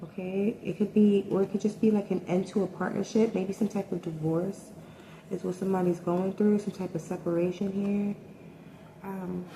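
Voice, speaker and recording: A woman's voice: medium pitch, steady tone, normal speed, dark tone. A woman giving a casual tarot reading, thinking aloud and hesitating often. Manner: hesitant, thinking aloud with many ums and likes. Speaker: tarot reader. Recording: echoey room with faint noise.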